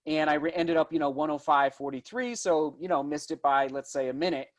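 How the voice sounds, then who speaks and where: A man in his thirties with a voice pitched a little high. He speaks as a guest in a casual interview. His delivery is enthusiastic and rambling, with thoughts often broken off and picked up again. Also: steady tone, a little fast. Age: 30s. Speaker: interview guest, distance runner and vlogger.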